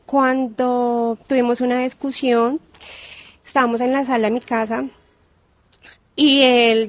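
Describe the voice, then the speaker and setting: High-voiced woman telling her story earnestly. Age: adult with grown daughter. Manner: emotional, earnest, with many fillers and repeated phrases. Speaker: interview guest. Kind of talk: personal testimony in an interview.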